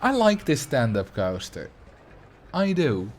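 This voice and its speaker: A game livestreamer from the Netherlands, originally from Drenthe, rambles casually while streaming, speaking with a mild yet noticeable accent from his native Dutch. His medium-pitched voice takes it slowly with huge pitch swings, over soft background music.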